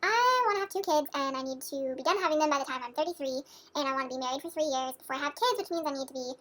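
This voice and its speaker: Woman doing a frantic, rapid-fire young planner. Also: high voice, fairly bright tone, pitched above the performer's own voice. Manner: breathless run-on planning. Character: frantic young woman rattling off her life plan.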